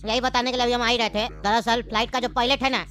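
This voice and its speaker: A woman's voice: on the high side, little pitch movement, quick pace, a bit bright, soft background music, close to an everyday voice. A woman voicing a polite, apologetic male flight crew member in a cartoon.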